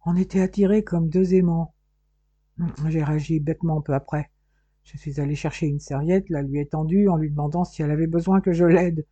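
Woman reading shy lovestruck young man, quiet reluctant confiding, mellow tone, muffled recording. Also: deep voice, fairly even intonation, brisk, dry recording. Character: reserved, smitten young man. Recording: dull, muffled dry recording.

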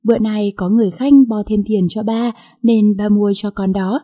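A woman voicing a gentle, hardworking poor father who speaks tenderly and reassuringly to his daughter in a storybook reading. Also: medium pitch, level tone, moderate pace, lightly acted.

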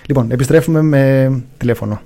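A man hosting a casual radio talk show, playful and quick to laugh. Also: medium pitch, warm tone. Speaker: radio host.

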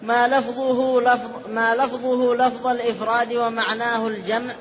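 A man with a very high voice reads a classical text aloud in a lesson, measured and formal, carefully marking each vowel. His delivery stays flat and even throughout. The recording is muffled and lo-fi under a light hiss. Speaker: student reading the text aloud. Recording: dull lo-fi with faint hiss.

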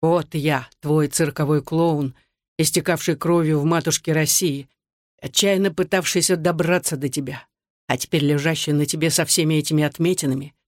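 A reader voicing a bitter scarred soldier husband. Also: male voice, on the high side, steady tone, moderate pace, no echo, studio quality, lightly acted. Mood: anguished. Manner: hoarse, clipped through gritted teeth. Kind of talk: audiobook dialogue.

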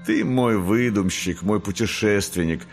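A man voicing a gentle, loving young mother who speaks softly. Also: on the low side, unhurried, faint music behind. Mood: tender.

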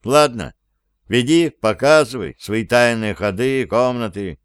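A man's voice: mid-range voice, unhurried, smooth, no echo, natural voice. Brash young hero, raised and impatient, read by a man; dry storybook narration. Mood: brusque.

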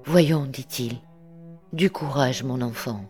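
A woman reading an audiobook, voicing a gentle, compassionate older priest who speaks softly and consolingly. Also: very deep voice, takes it slowly, faint music behind. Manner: soft, consoling.

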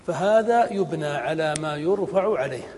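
A man teaching a grammar lesson in a slow, deliberate way, repeating each rule and illustrating it with examples. His voice sits a little high and sounds mellow. It carries a long hall reverb with a faint rumble underneath. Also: lively intonation.

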